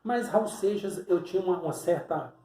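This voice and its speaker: High-voiced preacher, echoey room. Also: male voice, normal speed, mellow. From Salvador, Bahia, Brazil. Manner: explains step by step, points at drawings, rhetorical questions. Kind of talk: teaching sermon with a board.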